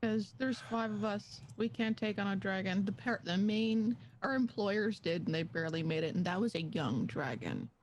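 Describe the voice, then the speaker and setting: A woman's voice: mid-range voice, lively intonation, moderate pace, hardly any pauses. A woman arguing casually as a player in a tabletop game.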